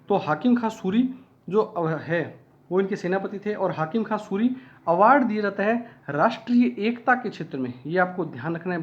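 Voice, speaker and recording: A man's voice: high voice, dull audio. A man teaching an online exam-prep lesson who repeats key facts and asks and answers his own questions.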